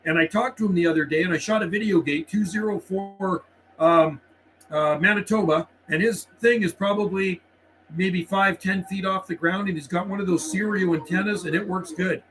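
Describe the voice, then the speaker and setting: A middle-aged Canadian man hosts a casual live radio stream, chatting in a friendly, laid-back way and calling out on CB channels. His high voice is a bit bright and moves at normal speed. The rough recording carries clear background noise and CB radio ambience.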